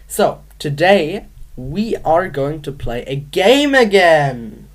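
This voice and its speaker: Brief: low, unhurried woman co-host, playful and giggly, casual game chat. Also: sing-song. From Manchester, England. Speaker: podcast co-host.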